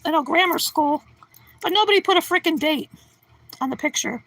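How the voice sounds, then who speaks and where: Goofy high-voiced middle-aged woman livestreaming. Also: fairly quick, fairly bright tone, no echo, poor audio. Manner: goofy, joking, punning, self-deprecating. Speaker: livestream host reading chat. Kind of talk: casual livestream chat.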